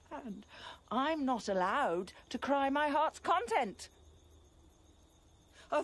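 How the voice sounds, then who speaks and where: A female voice belongs to an actress portraying a grieving, bitter young princess in a classical tragedy on stage. She's impassioned, breaking from low laments into sharp outbursts.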